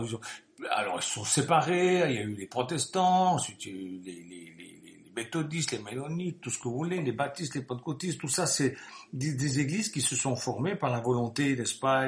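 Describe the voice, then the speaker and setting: A man's voice: medium pitch, lively intonation, a little fast. A man preaching a sermon, turning to frequent asides and rising to emphatic bursts.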